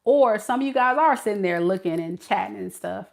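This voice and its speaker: A woman's voice: medium pitch, expressive, fairly quick, vocal fry. Chatty Californian woman with a Mississippi lilt. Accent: Californian with some Mississippi dialect. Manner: chatty, laughing often, addresses viewers as y'all. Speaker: tarot reader reading live chat. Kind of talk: casual live-stream chat.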